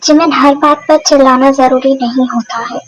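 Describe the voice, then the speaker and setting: A woman voicing a calm, protective young man who talks softly and steadily, in a Hindi dubbed fan story. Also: sits high, normal speed, no room sound, lightly acted, low-quality recording.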